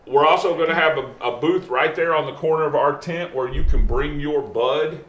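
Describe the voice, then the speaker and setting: A man's voice: a little high, moderate pace, dull audio, crowd noise. A man chatting casually as a show host, with a laid-back stoner way of talking full of slang and swearing. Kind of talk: casual chat. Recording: roomy echo, faint background noise.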